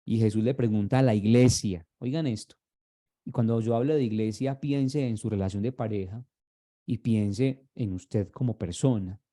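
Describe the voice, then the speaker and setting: Dark-voiced man preaching. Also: fairly low pitch, moderate pace. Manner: earnest, repeats words and asks rhetorical questions of the congregation. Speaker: pastor. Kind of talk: sermon.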